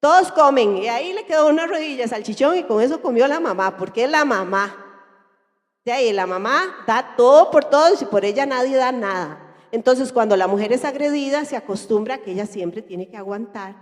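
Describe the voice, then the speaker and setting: A woman with a Costa Rican accent speaking to a group, lively and questioning her listeners. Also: fairly high pitch, brisk. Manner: lively, asks the audience questions and acts out everyday voices. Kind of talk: talk to a church group. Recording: echoey hall.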